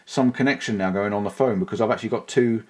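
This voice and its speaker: Talking fast in a fairly low, darkish voice, a gear-reviewing vlogger casually demonstrates and tries out products while thinking aloud. He's outside on a bike at first, then inside.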